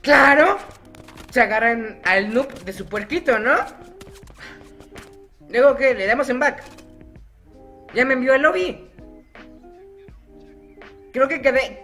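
A man's voice: very high-pitched, bright, forceful tone. A young man giving casual, self-mocking gameplay commentary, chatty and laughing often. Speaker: gaming YouTuber.

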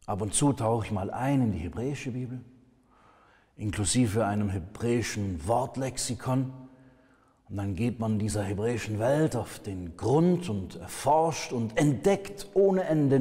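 A man preaching a sermon as pastor, slow and emphatic, letting phrases fall to a soft hush at the ends. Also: medium pitch, husky. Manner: slow, emphatic, dropping to soft hushed endings. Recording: long hall reverb.

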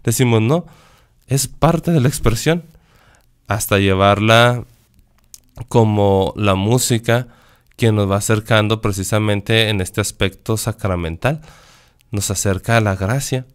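Low, smooth-voiced priest teaching on air. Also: male voice, measured pace, pauses often. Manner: reads a passage aloud, then explains it. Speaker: priest and radio presenter. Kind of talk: teaching commentary on a reading. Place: radio studio.

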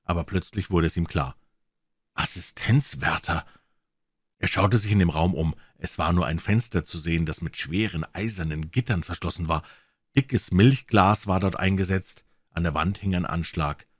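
A man reading a classic crime story aloud with dramatic, expressive narration. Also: low-pitched, moderate pace, husky, no room sound, studio quality. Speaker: audiobook reader.

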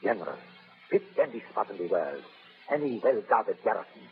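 Heard through a tinny 1930s radio broadcast, an actor plays a scheming male scientist offering a deadly plague. His manner is smooth and insinuating, and his lowish voice is very animated and fairly quick.

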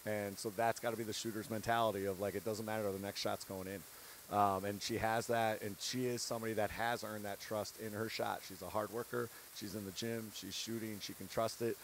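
Brisk and flat, a fairly low male voice comes through with slight background noise. The speaker, a basketball head coach in his thirties, laughs between points as he gives a candid, earnest post-game interview into a handheld mic from a courtside set in an empty arena.

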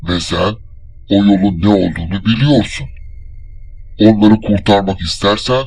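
A man doing a husky, menacing house spirit. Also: low-pitched, pitched below the performer's own voice, heavily acted, poor audio. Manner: slow, threatening. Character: sinister unseen spirit of the haunted house, menacing.

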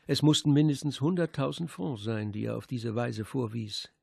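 A man reading a crime novel aloud as an audiobook, in steady, measured narration. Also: medium pitch, creaky, slightly rough, no room sound, studio quality. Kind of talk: scripted narration.

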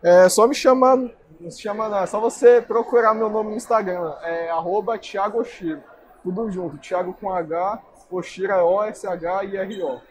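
Crowd noise surrounds a young adult guest at an indoor trade fair booth, who earnestly answers interview questions about marketing. His voice sits high and his pace is moderate.

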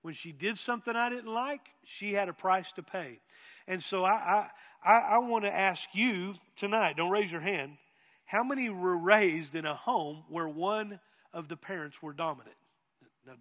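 A man's voice: high voice, unhurried, fairly bright tone. A middle-aged man preaching a sermon as pastor, emphatic, often asking the congregation whether they hear him. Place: church sanctuary. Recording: long reverb of a church hall.

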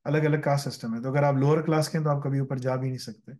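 A man's voice: mid-range voice, steady tone, fast, darkish tone. A man answering interview questions with stories from working abroad, often slipping English phrases into his speech and checking in with "right?". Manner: mixes English phrases into his talk, often asks "ठीक है ना". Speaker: guest speaker on careers. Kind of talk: conversational interview answers with anecdotes.

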